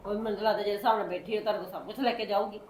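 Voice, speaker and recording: A woman with a Punjabi accent playing a sly neighbour in a short film, talking quickly and repeating her denials. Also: mid-range voice, fairly even intonation, a little mellow, natural voice. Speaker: neighbour Sukhwinder.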